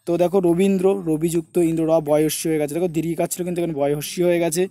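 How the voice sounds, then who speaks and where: Male exam tutor, West Bengal Bengali accent, high, soft-toned voice, slows down to drill each word split. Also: steady tone. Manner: repetitive coaching, keeps saying look and notice. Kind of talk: online lesson with screen walkthrough.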